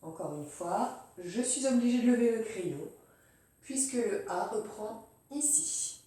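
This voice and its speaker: A woman teacher calmly talking through handwriting strokes one step at a time, as a lesson demonstration. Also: on the high side, unhurried, distant mic. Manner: calm, step-by-step, narrating each pen stroke. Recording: very roomy, voice off-mic.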